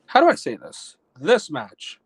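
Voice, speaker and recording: A man's voice: on the high side, wildly swooping pitch, measured pace, husky, no echo, poor audio. Blunt, profane male podcast host. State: out of breath. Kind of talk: casual solo podcast review.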